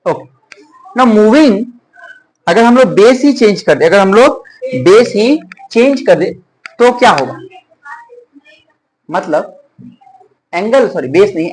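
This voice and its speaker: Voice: mid-range voice, lively intonation, measured pace, pauses often, rough recording. Teacher drilling pupils with repeated questions. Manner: call-and-response questioning, repeats each answer back; addresses pupils as children and dear. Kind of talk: classroom math lesson.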